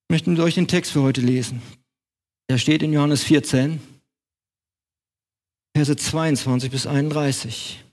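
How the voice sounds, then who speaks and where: A man's voice: on the high side, fairly even intonation, unhurried, long pauses, darkish tone. A man preaching a sermon in German as pastor of his congregation, with an emphatic, repetitive cadence.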